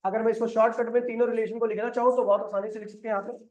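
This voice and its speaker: A man's voice: high-pitched, level tone, rapid-fire, a little mellow, highs cut off. Guy teaching physics, asks a question then answers it himself, says stuff twice. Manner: repeats key steps, mixing in English terms. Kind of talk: explaining on a board.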